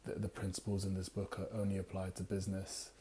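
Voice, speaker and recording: A book club host from the United Kingdom talks through a book review in a low, mellow, utterly flat voice that sounds tired and a bit raspy. He rambles with fillers and occasionally reads passages aloud, and the recording has a little hiss or hum.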